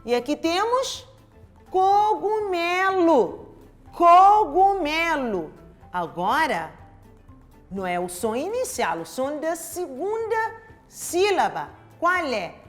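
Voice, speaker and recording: A woman's voice: sits high, huge pitch swings, slow pace, soft background music. A woman with a European Portuguese accent teaching young children in a home-learning lesson, stretching out syllables with exaggerated emphasis. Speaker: primary school teacher.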